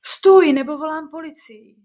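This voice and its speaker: A woman's voice: fairly high pitch, fairly even intonation, lightly acted. A woman voicing a protective, stubborn grandmother in a storybook reading, firm and plain-spoken.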